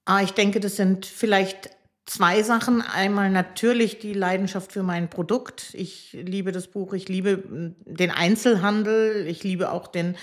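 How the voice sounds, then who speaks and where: A woman's voice: medium pitch, steady tone, unhurried. A woman of sixty from Hamburg, a bookshop owner talking as a guest in a podcast interview, enthusiastic with many hesitant fillers. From Hamburg, Germany. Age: 60s.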